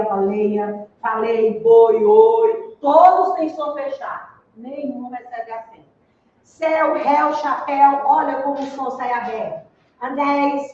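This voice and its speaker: Slow Brazilian woman teaching, echoey hall. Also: high-pitched, darkish tone, slight background noise. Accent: Brazilian Portuguese. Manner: slow, deliberate, spells out letters and checks with "certo?". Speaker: Portuguese teacher. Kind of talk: classroom grammar lesson. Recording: echoey room, distant mic, dull sound.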